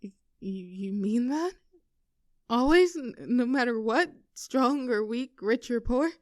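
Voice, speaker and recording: A woman voices a loving, playful girlfriend who shows a vulnerable side in an intimate roleplay audio drama, tender throughout. Her fairly high, lively delivery teases, then falters when she gets sincere, recorded dry at studio quality.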